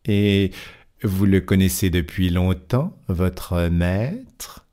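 A man voicing a male police inspector in an audiobook, asking questions in a measured, deliberate way. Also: sits low, dark tone. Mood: probing. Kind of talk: audiobook character voice.

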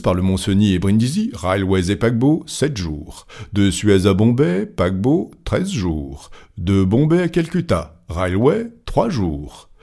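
Slow, deep-voiced male narrator. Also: mellow. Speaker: audiobook reader. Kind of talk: literary audiobook narration.

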